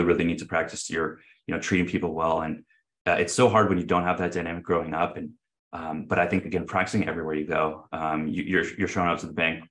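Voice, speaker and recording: A man in his thirties, a company chief appearing on an interview show, talks earnestly in a casual interview style, with many fillers and restarts. His voice is deep and a bit bright.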